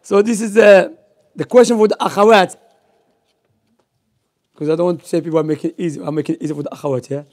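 A young man, a religious teacher, gives an informal Islamic lesson in a small indoor library room, telling stories and posing quiz questions in non-native English peppered with Arabic terms. His high, darkish voice is steady in tone, and he talks fast but pauses often. A gooseneck microphone sits close to his mouth.

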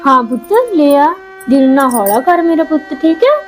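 A woman playing a caring mother who gently coaxes and consoles her daughter in an amateur short film, repeating endearments. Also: sits high, moderate pace, natural voice. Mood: soothing. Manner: soothing, coaxing, repeats endearments. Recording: dull lo-fi sound, faint music.

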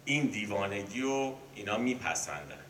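A man's voice: on the low side, lively intonation, fairly bright tone, slight background noise. A man teaching a poetry class, reciting verses and then explaining them casually, often stopping to correct himself. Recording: echoey room, mic at a distance.

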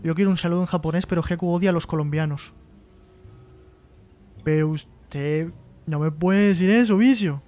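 Man, high voice, live-stream host, jokey reading chat aloud, light music in the background. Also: normal speed, long pauses, a little mellow. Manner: joking, reads chat messages aloud and replies.

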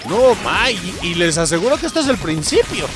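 A man with a Mexican accent giving let's play commentary, excitable, swearing and yelling at the game as he plays. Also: high voice, fairly quick. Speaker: gameplay streamer. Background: game music.

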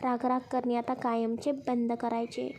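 A woman reading a caring middle-aged mother, high-voiced and fond, who blesses the newlyweds and teases her son with mild scolding. The voice stays close to the reader's own, soft and homely, in a storybook telling. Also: level tone, moderate pace, lightly acted. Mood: affectionate.

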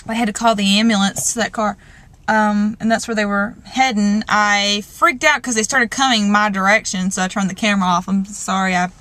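A woman's voice: mid-range voice, fairly bright tone. A young woman, talking into a handheld camcorder in her parked car, rambling with many fillers and restarts, shaken and nervous. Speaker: vlogger. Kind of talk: casual vlog in a parked car.

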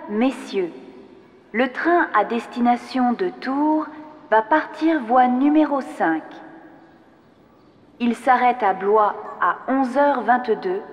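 A woman reading public announcements in a formal, measured way. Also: on the high side, long reverb tail, muffled recording.

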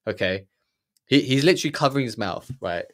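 A German man in his thirties, hosting a podcast, reacts to a documentary with blunt, heated commentary full of stammered restarts. His mid-range voice is expressive and brisk. He records in a small purple-lit room on a boom-mounted studio mic, wearing earphones.

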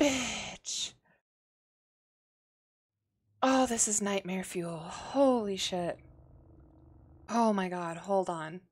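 A woman's voice: mid-range voice, takes it slowly, a little mellow, slightly rough. A woman streaming a horror game live, jumpy and profane, exclaiming and gasping often. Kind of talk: live gaming stream commentary.

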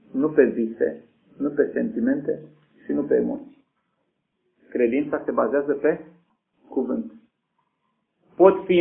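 A man's voice: medium pitch, creaky. A man preaching a sermon who keeps asking his listeners questions and answering them himself. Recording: tinny phone-like recording.

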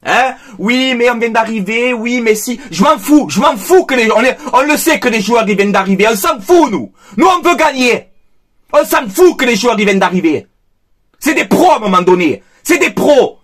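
A man's voice: very high voice, very animated, moderate pace, fairly bright tone. An angry man, giving a heated football debrief as a fan commentator, emphatic and repeating himself. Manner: heated, emphatic, repeats phrases, addresses viewers as "les gars". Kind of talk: angry post-match debrief monologue.

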